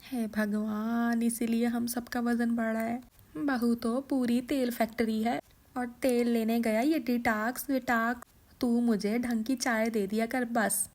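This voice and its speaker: A woman's voice: a little high, level tone, measured pace. A woman voicing a nagging, scolding older mother-in-law in a cartoon story. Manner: scolding, complaining loudly. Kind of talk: cartoon voice acting.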